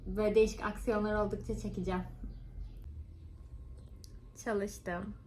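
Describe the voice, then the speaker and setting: A woman's voice: mid-range voice, little pitch movement, normal speed, a little mellow, a little hiss or hum. A woman talking casually in a home vlog, chatty and rambling with informal asides. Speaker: vlogger. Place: at home, indoors.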